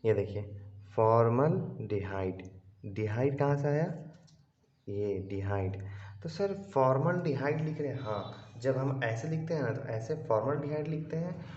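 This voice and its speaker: A male chemistry teacher giving an online class lecture, explaining slowly and repeating himself, and asking the students' questions aloud for them. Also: mid-range voice, lively intonation, darkish tone. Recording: roomy, dull lo-fi sound.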